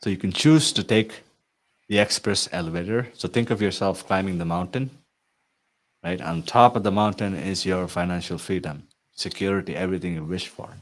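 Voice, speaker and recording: A man's voice: deep voice, normal speed. A man working as an IT consulting coach, talking earnestly and persuasively to viewers, often tagging sentences with "right?". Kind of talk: promotional talk to viewers.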